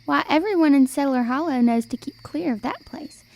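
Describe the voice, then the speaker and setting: A young woman voices a sly old wandering storyteller for an amateur radio play, using a high, soft-edged voice and folksy, old-fashioned phrasing. She speaks a little fast with vocal fry, and the mood is ominous.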